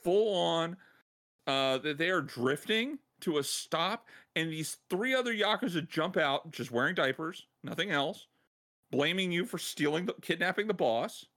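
A man hosting a podcast, excitedly retelling a game side quest in casual chat and laughing as he goes. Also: fairly high pitch, a little slow. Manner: excited, laughing storyteller who acts out quotes. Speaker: podcast host.

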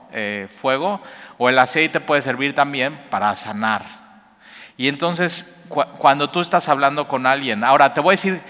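Bright-voiced man teaching scripture. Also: medium pitch. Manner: conversational, frequent "eh" fillers, acts out everyday scenes. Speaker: Bible teacher. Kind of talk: informal devotional Bible teaching. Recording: long reverb, hall-like room.

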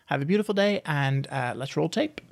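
A woman's voice: deep voice, lively intonation, fairly quick, creaky, noisy background. A woman co-hosting a podcast in casual chat, hesitant with many fillers, recorded echoey and far from the wrong microphone. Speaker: podcast co-host. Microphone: wrong microphone, speaker far from it.

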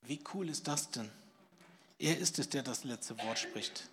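A man preaching a sermon to a live congregation, swinging from hushed whispers to loud emphasis and putting questions to his listeners. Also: medium pitch, a little slow, slightly rough. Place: church service, in front of a congregation.

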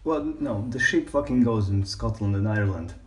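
A man's voice: lowish voice, moderate pace, very noisy. A man from Latvia chats casually and jokingly as a podcast guest, recorded in an echoing bathroom. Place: bathtub in a small bathroom. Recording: echoing bathroom, somewhat distant from mic.

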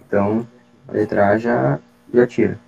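A man's voice: lowish voice, steady tone, moderate pace, gravelly, a little mellow, slight background noise. A man, leading a study group and patiently explaining exam questions step by step over a video call. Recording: dull lo-fi call audio.

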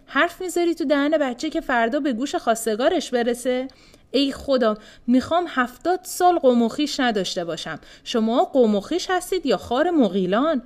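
A woman reading the part of an angry middle-aged mother who scolds and shouts at her relatives. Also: high-pitched, lively intonation.

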